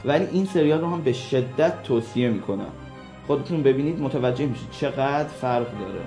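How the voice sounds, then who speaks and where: A man's voice: mid-range voice, lively intonation, mellow, soft background music. A man co-hosting a radio show, recommending series in a casual, teasing banter. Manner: teasing, joking.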